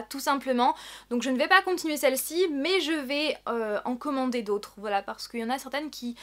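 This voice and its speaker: High bright-voiced chatty woman vlogger. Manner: chatty and excitable. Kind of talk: casual unboxing chat.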